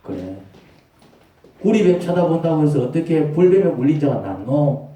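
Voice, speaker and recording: A male pastor with a Gyeongsang dialect preaching a lively, conversational sermon that acts out dialogues. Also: on the high side, moderate pace. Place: church sanctuary. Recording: echoey church hall, mic far off.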